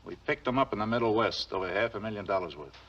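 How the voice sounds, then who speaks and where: An actor playing a blunt, matter-of-fact gunrunner in 1940s western film acting. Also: male voice, on the low side, fast talker, fairly bright tone, slightly rough. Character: blunt, tough male gunrunner. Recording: dull, lo-fi old film sound.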